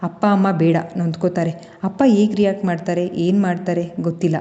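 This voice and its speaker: A woman's voice: on the low side, steady tone, a little fast, dark tone, highs cut off, natural voice. Woman voicing a frightened stammering teenage girl. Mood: troubled. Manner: stammering, fearful. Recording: long reverb.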